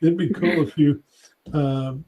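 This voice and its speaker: A man's voice: a little high, steady tone, a little slow, muffled recording, a little hiss or hum. A man hosting a casual music interview, talking in a loose, rambling way with many fillers and restarts. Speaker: interview host.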